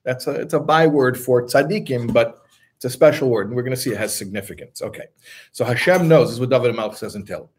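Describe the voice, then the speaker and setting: Husky-voiced man teaching a text. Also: mid-range voice, quick pace. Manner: discursive, talks in short bursts and explains each term. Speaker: Torah teacher. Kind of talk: explaining a religious text to a class.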